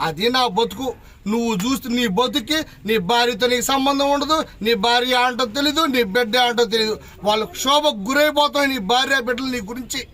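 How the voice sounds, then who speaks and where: A man who is a local elected official, furiously shouting insults and challenges at a press conference. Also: extremely high pitch. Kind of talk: angry press conference tirade. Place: press meeting.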